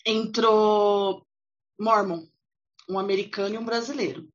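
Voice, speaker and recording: A woman's voice: mid-range voice, steady tone, muffled recording. A woman from Brazil hosting a podcast, chatting casually and sharing her own story. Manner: chatty, quick back-channels. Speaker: podcast host. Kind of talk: casual chat.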